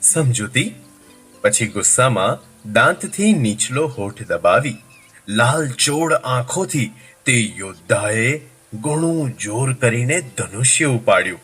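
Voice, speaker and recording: A male teacher reads out a poem line by line, chanting the verse and then explaining it calmly. His voice is husky and slow, with lively swings in pitch, and soft music plays underneath.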